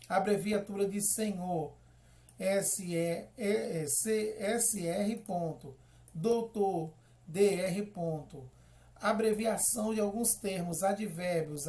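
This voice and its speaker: A woman's voice: mid-range voice, dark tone, echoey room. Woman teacher explaining patiently. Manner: explains step by step, checks in with "ok?" and "né?". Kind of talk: classroom explanation.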